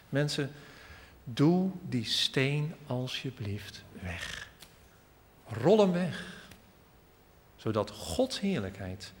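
A man preaching a sermon at a church service, emphatic and repetitive, with sudden swells of loudness. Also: mid-range voice, a little hiss or hum. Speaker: pastor. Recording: long church hall reverb.

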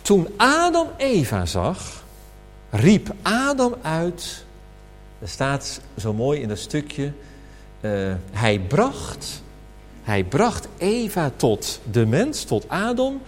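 A man preaching a sermon at a communion service, slow and emphatic, asking rhetorical questions. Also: a little high, wildly swooping pitch. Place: church hall. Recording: reverberant hall with faint hum.

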